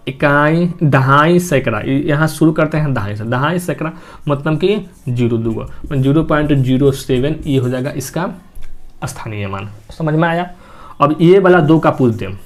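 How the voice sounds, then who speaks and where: Explaining each step of a maths lesson, this teacher asks his own questions and then answers them. He speaks in a slightly mellow voice on the high side.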